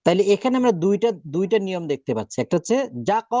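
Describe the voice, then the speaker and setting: A man teaching Quran reading in a classroom lesson, drilling letters slowly and checking that students follow. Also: high voice, sing-song, mellow, dry recording, dull audio. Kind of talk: slow classroom recitation lesson.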